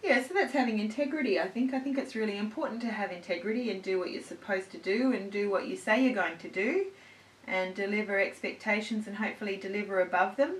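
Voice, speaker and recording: A woman's voice: medium pitch, fast talker. A woman, chatting upbeat and at length as host of a beauty Q&A on her couch. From born in the USA, raised in Australia. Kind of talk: casual Q&A chat. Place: indoors at home on a couch. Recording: roomy, mic at a distance.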